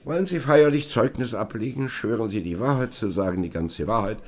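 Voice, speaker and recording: A man's voice: lowish voice, a little fast, a little mellow, close to an everyday voice. An actor playing a stern, formal committee chairman who reads a statement and swears in witnesses in a radio play. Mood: officious. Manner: formal, emphatic, officious. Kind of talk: radio play reenacting a hearing.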